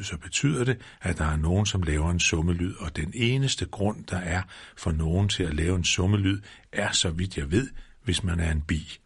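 A man's voice: sits low, gravelly, slightly rough, heavily acted. A man voicing a simple, honey-loving male teddy bear who muses aloud and hums little rhymes in a storybook reading. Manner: musing aloud, sing-song rhymes.

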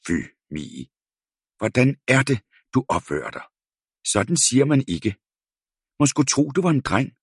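A man's voice: mid-range voice, big pitch swings, pauses often, husky, dry recording, studio quality, voice pushed up. A man voicing a flustered, out-of-breath mother in an audiobook, reproaching her child. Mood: exasperated. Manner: gasping, exasperated reproach. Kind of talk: audiobook character voice.

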